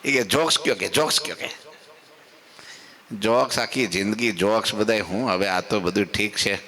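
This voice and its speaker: Male preacher, bright forceful tone, animated devotional storytelling that leaps up in pitch. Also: a little slow. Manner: animated, rises high on emphasis and acts out quotes.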